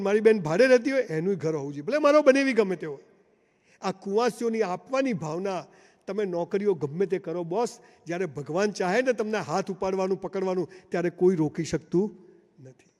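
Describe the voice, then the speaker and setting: High-voiced man speaking in a reverberant hall. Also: a little mellow. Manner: emphatic storytelling, addressing the crowd directly. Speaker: motivational speaker. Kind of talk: live motivational seminar speech. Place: large seminar hall before an audience.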